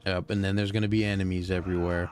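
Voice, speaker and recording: A man's voice: deep voice, level tone, quick pace, a little mellow, faint music behind. A tired young man casually commenting while streaming a video game, rambling with lots of fillers and restarts. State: tired, yawning.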